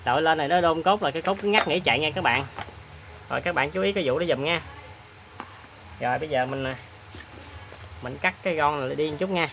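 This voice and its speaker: A man hosts a hands-on repair demonstration, talking in a chatty, plain-spoken way with many filler pauses. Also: fairly high pitch, vocal fry, noisy background. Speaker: repair tutorial host.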